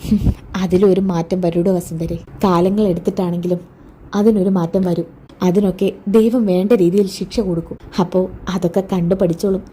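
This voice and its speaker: A woman voicing an elderly husband, speaking in a steady, reassuring way. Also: lowish voice, moderate pace, a little hiss or hum, close to an everyday voice.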